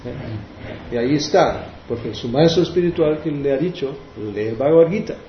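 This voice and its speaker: A man's voice: fairly high pitch, moderate pace, a little hiss or hum. Man teaching scripture in a roomy hall. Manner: hesitant, many restarts, explaining verses. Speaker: spiritual teacher. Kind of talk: devotional class with questions. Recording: roomy, dull recording.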